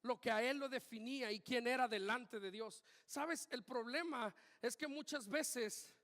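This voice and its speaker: A man preaching a sermon as pastor, swinging between loud urgent calls and quiet asides. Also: very high-pitched, a little slow. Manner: animated preaching, shifts from shouting to quiet asides. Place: church hall. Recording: long hall reverb.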